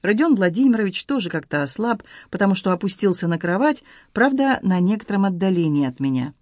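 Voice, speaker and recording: A woman narrating a first-person novel in a lively, ironic storytelling manner. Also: medium pitch, fairly quick, no room sound, clean studio sound. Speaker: audiobook narrator.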